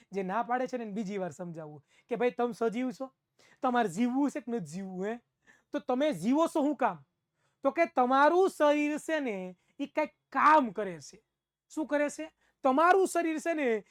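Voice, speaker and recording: A man's voice: very high-pitched, no room sound, studio quality. A male science teacher, giving an online class in a playful way, repeating phrases and acting out students' replies.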